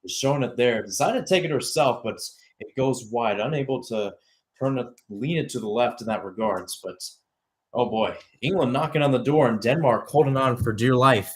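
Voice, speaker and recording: This play-by-play commentator, a young adult man, covers live soccer the way a radio broadcaster would, at a normal speed and a middling pitch. He moves back and forth between calling the action and talking it over.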